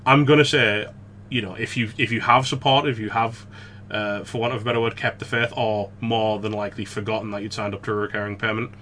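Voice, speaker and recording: A man co-hosting a casual gaming podcast, chatty and rambling, quick to laugh. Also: lowish voice, steady tone, bright, forceful tone, a little hiss or hum. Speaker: podcast co-host.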